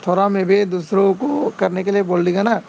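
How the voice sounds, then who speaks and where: A man's voice: high-pitched, fairly even intonation, brisk, a little mellow, a little hiss or hum. A man chatting casually on a livestream, reading out viewer comments and pleading for comments and friend requests. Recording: dull lo-fi sound.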